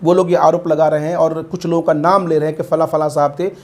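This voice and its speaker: A male news reporter speaking to camera in a measured, explanatory manner. His voice sits a little higher than most men's. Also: little pitch movement.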